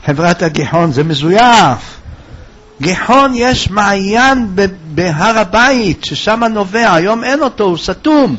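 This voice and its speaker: A rabbi teaching a religious lesson, telling a story in an animated way and acting out its voices. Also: male voice, sits high. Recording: dull lo-fi recording.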